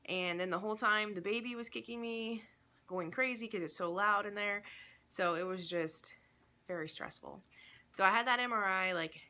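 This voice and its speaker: A woman's voice: mid-range voice, normal speed, sharp tone. A young woman vlogging from home, talking casually and rambling a little, with many ums and restarts, somewhat out of breath. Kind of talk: casual chat.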